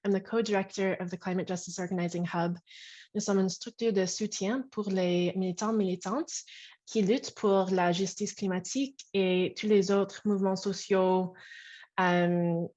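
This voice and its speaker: A woman's voice: lowish voice, darkish tone. A woman presenting as co-host at a bilingual online event, speaking over a video call. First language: English. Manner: halting and searching when speaking French. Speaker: co-director of an activist hub, event co-host. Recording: dull, lo-fi video call audio.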